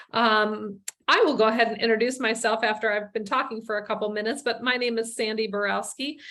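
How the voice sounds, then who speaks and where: A woman's voice: mid-range voice, a bit bright. Woman hosting a video call for her tour company, chatty, lots of ums and restarts. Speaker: tour company owner presenting. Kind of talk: casual webinar presentation.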